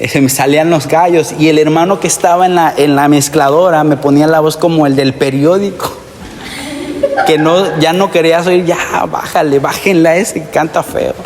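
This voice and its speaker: A man's voice: on the high side, fairly even intonation, moderate pace, darkish tone. Earnest male preacher in echoing church. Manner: earnest, addresses the youth directly with calls for amen. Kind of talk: testimony sermon to young people. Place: church sanctuary. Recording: long hall reverb.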